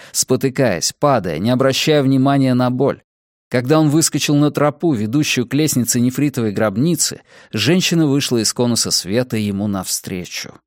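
Dry, measured male audiobook narrator. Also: medium pitch, no room sound. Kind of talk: scripted narration.

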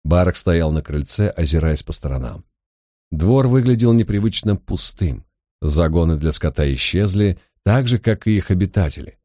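Deep, dark-voiced male audiobook narrator. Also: expressive, normal speed, dry recording, clean studio sound.

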